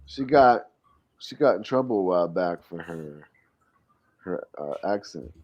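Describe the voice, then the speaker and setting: A laid-back podcast co-host, a man with a mid-pitched voice that moves a lot. His talk is easy and teasing. The sound is a little dull and lo-fi. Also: lively intonation, a little slow, darkish tone. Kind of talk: casual chat.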